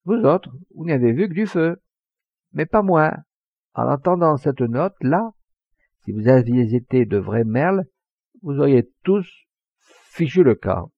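A man's voice: mid-range voice, expressive, unhurried, no room sound, voice pushed up. A man voicing a boastful Provençal hunter who tells tall tales in a commanding, showy way. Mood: scolding. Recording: dull lo-fi recording.

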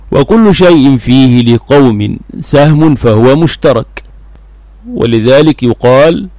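A man teaching as a sheikh, explaining a classical text in a recorded lesson and repeating words slowly for emphasis. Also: medium pitch, a little mellow, dry recording.

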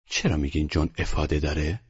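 A man's voice: very deep voice, steady tone, breathy edge, dull audio, heavily acted. A man voicing an inquisitive, polite teenage girl who keeps asking questions in an audiobook story. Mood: curious. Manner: persistent, questioning.

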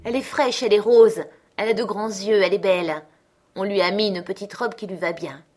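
A woman narrating a classic novel as an audiobook, expressive and dramatic, slowing down on key phrases. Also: mid-range voice, soft background music. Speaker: audiobook reader.

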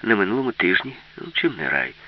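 A man's voice: fairly low pitch, very animated, husky. A man playing a bossy film director. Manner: commanding, brisk. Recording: dull lo-fi recording.

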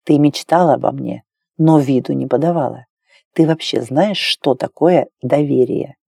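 A woman voicing a confident, teasing adult man in an audiobook, speaking low and hushed. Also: normal speed, creaky, husky, dry recording, studio quality, full character voice. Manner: low, hushed, intimate delivery.

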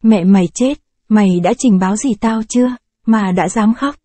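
A woman's voice: mid-range voice, normal speed, warm tone, no echo, natural voice. A woman voicing a greedy, bullying old male village clerk who barks threats in a storybook reading. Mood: threatening. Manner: barking, threatening.

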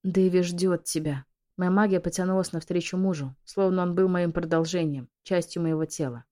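A woman's voice: fairly low pitch, fairly even intonation, brisk, mellow. Woman narrating a romance audiobook.

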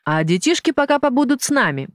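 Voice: high voice, big pitch swings, quick pace, no room sound, studio quality, voice pushed up. A reader doing a sneering, cruel gang boss. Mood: mocking. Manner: sneering, taunting, falsely genial. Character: cruel mocking male gang boss, middle-aged. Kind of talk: audiobook character voice.

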